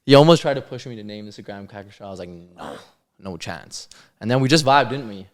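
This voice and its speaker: A man's voice: mid-range voice, racing. Joking, teasing man from Canada. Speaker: podcast host and youth soccer coach. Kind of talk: casual podcast chat.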